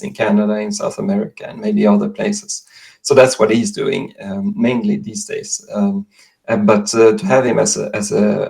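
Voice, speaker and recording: Male interview guest, Swedish accent, lower register with vocal fry, explains things in a measured way. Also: a little mellow, rough recording. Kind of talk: interview answers.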